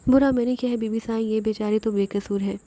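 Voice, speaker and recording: A woman's voice: on the high side, fairly even intonation, warm tone, lightly acted. A woman voicing an old servant woman who begs tearfully for mercy in a novel reading. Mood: pleading. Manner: tearful begging.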